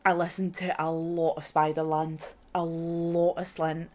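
A woman's voice: low-pitched, measured pace. A Scottish woman co-hosting a radio music show, chatting and telling stories with plenty of swearing. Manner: sweary, animated storytelling. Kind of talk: casual chat.

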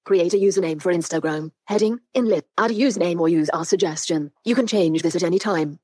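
A woman's voice: lowish voice, a little fast, a little mellow, no room sound, clean studio sound. A synthetic female screen reader voice played through a Bluetooth speaker, reading out on-screen labels and buttons. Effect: synthetic speech played through a Bluetooth speaker.

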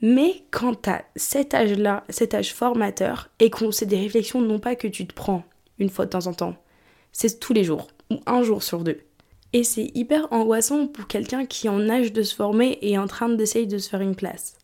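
Mellow-voiced young woman switching French and English. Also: mid-range voice, moderate pace. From England. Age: 20s. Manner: switches between French and English mid-sentence; candid, conversational. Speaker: vlogger. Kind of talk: personal monologue to camera.

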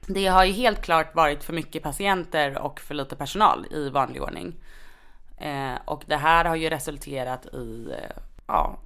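A woman's voice: sits low, creaky, fairly bright tone. A woman with a Stockholm accent telling stories in casual, informal, slangy conversation as a podcast co-host. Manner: informal, sweary, slangy speech. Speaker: nurse.

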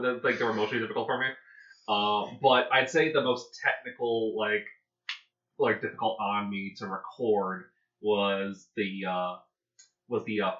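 A man who voices podcast characters, talking in a halting way and searching for words. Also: fairly low pitch, a bit bright, reverberant, muffled recording. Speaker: voice actor on a podcast. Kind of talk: casual panel chat.

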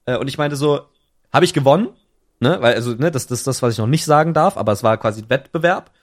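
A man's voice: mid-range voice, fast talker. A young man retelling a close call in casual slangy chat, full of restarts, on a podcast mic. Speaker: podcast co-host.

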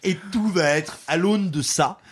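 A man talking casually as a film critic, mocking and lively, often slipping into comic impressions. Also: high-pitched, unhurried, breathy edge. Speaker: film critic podcast host. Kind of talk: casual film review chat.

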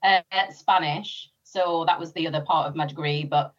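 In a casual interview chat, a woman who once served as a police officer speaks with a North East English accent, though she was born in Sri Lanka. Her low-pitched voice keeps a fairly even intonation at normal speed, ums and easy laughs scattered throughout, and the highs of the recording are cut off.

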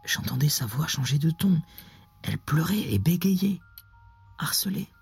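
Man narrating a classic tale, very raspy, slips into whispers, dry sound. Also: fairly high pitch, lively intonation, a little slow, darkish tone, dry recording, faint music behind. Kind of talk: dramatic literary narration.

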